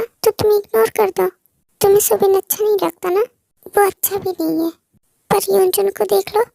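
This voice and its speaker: A high-voiced performer playing a gentle, caring young man who talks softly and reassuringly in a fan-dubbed romance drama. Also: vocal fry, no room sound. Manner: soft reassuring talk.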